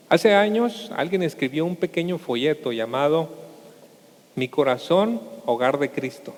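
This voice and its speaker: A pastor with a somewhat high voice preaches a Sunday sermon, calling his congregation brothers and posing rhetorical questions to them. His voice rings out in a church hall with a long, lingering reverb. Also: darkish tone. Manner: addresses listeners as brothers. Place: church sanctuary.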